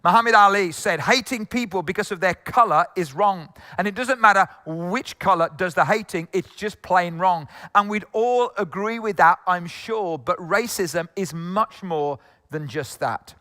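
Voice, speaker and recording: A middle-aged man preaching in a conversational, joking way, peppering his talk with fillers. His voice sits high for a man and sounds bright and forceful. A long reverb trails behind him. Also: normal speed. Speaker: pastor. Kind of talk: sermon. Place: church hall.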